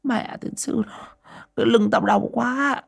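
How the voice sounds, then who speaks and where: A woman's voice: a little high, a little slow, creaky, pitched above the performer's own voice, exaggerated voice. A man voicing a blunt, scolding older village woman who teases. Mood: grumbling. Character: gruff, sharp-tongued older village woman.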